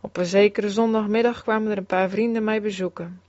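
A woman's voice: medium pitch, fairly quick, no echo. Solemn woman reading, dry lo-fi sound. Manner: steady, solemn reading in formal old-fashioned Dutch. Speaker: reader. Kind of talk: reading a religious memoir aloud. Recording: dull, dry, slightly lo-fi recording.

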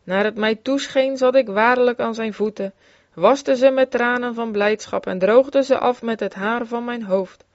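A woman's voice: fairly high pitch, unhurried, dry recording. Woman reading an old memoir, earnest. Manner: earnest, with rising fervor in exclamations. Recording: dull, dry lo-fi recording.

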